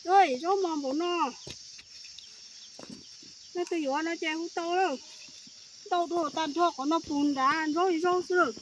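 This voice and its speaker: A woman's voice: very high-pitched, moderate pace, pauses often, slight background noise. A woman hosting her own channel, chatting casually and animatedly, often raising her voice, with faint crickets and insects behind her outdoors. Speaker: channel host. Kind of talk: casual chat.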